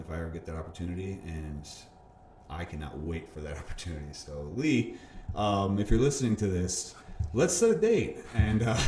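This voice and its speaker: A man being interviewed, telling a story casually, animated, laughing often and restarting his sentences. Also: deep voice. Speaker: bodybuilder interviewee. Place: gym or park. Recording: roomy echo, faint background hum.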